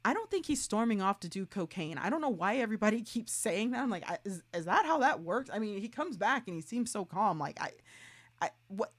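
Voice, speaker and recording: A woman hosting her own solo podcast, chatting in an animated way with quick rants and restarts. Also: medium pitch. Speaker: podcast host.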